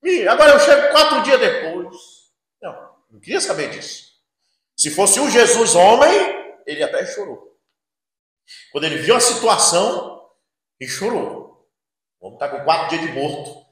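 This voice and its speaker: Animated preacher in an echoey church. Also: male voice, sits high, normal speed, pauses often. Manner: dramatic, swings between loud outbursts and hushed asides, acts out quoted voices. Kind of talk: sermon.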